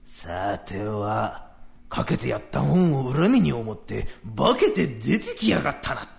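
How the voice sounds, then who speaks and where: A man voicing a proud, solemn old retired samurai, telling a story slowly and gravely in traditional comic storytelling. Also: medium pitch, sing-song, exaggerated voice. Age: older.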